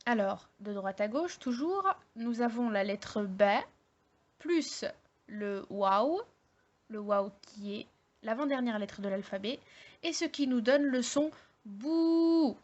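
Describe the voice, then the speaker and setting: A woman teaching an online language lesson, explaining slowly step by step with many hesitations and fillers. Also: fairly high pitch, animated, muffled recording. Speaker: Arabic teacher.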